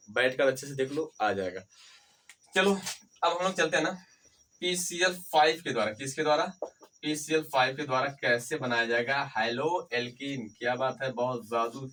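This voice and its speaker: A man's voice: medium pitch, fairly bright tone, recorded from a distance, slight background noise, low-quality recording. A man teaching a chemistry lecture. He asks questions and answers them himself, repeats key terms, and speaks to his students fondly and with encouragement. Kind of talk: whiteboard lecture.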